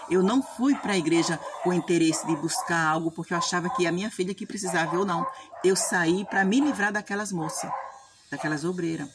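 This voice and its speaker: A middle-aged woman giving a personal faith testimony, halting and repeating words as she recounts. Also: fairly low pitch, a little hiss or hum. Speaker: testimony speaker.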